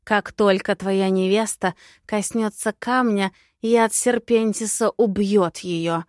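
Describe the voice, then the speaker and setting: A woman voicing a scheming, cruel witch who taunts in drawn-out, sing-song phrases. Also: mid-range voice, steady tone, no room sound, studio quality, close to an everyday voice. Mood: mocking. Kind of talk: audiobook character voice.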